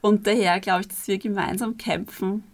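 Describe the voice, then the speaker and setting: A middle-aged woman speaks. She answers interview questions in fluent, well-organised sentences, with a voice at a middle pitch. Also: fairly even intonation, normal speed. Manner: fluent and articulate. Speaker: dancer and theatre co-founder.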